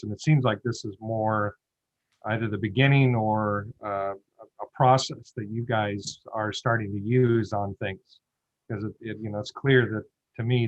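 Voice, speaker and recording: A middle-aged man with a lowish voice gives upbeat juror feedback, stopping and starting with many fillers. The call audio is dry and dull, with no room sound. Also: dry recording. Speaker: competition juror. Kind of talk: spoken feedback on a video call.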